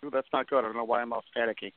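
A man's voice: medium pitch, little pitch movement, rapid-fire, no echo. Man on a crackly, staticky phone line. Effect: crackly, staticky call line that fades in and out. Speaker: podcast panelist. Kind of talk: casual chat.

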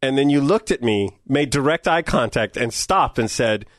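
Lively joking man podcast cohost. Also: medium pitch, normal speed, no room sound. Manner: playful, joking, animated storyteller. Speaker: radio podcast co-host. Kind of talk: casual podcast chat. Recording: dry studio sound with faint music.

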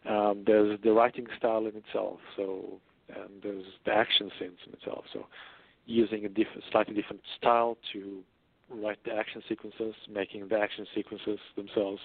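Guy w a gravelly voice explaining stuff slowly and carefully, dry tinny phone-ish sound. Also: on the low side, dry recording. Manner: thoughtful, explanatory, pauses often. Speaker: guest author. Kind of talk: casual interview.

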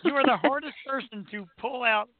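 A man's voice: extremely high pitch, fairly quick, no room sound, phone-quality sound. An American man chatting casually as a talk show host, in a rambling, playfully boastful way. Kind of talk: casual chat.

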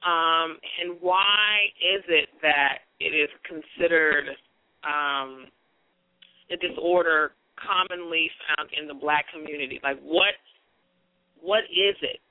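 A woman from Oakland, California, calling in to a radio show with halting questions and many pauses. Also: low-pitched. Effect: calling in over a phone line. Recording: tinny, dry phone line.

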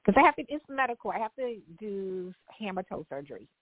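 A woman's voice: medium pitch, sing-song, fairly quick, no room sound. A woman calling in to a show over the phone, friendly and laughing lightly as she asks her question. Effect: heard over the phone. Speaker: caller. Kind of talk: casual call-in chat. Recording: tinny phone line.

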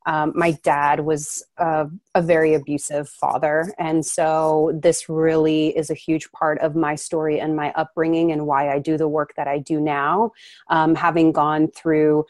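A woman originally from Ukraine is a guest in a conversational podcast interview, sounding earnest and reflective and pausing often. Her voice is low for a woman, with little pitch movement and a darkish tone. The sound is dry and close, without room echo.

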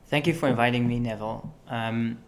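A young man from Belgium speaks as an interview guest in an easy, conversational way. He pauses often with ums and uhs while he explains things in a relaxed, steady flow. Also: medium pitch. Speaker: guest, management consultant. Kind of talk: casual interview talk.

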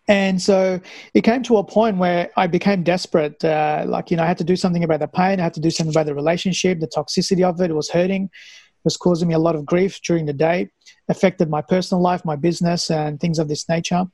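With a slightly high, somewhat mellow voice and no echo, this interview guest reflects conversationally on his life story. He is a health practitioner and mentor in his 40s, from Australia, originally born in Afghanistan.

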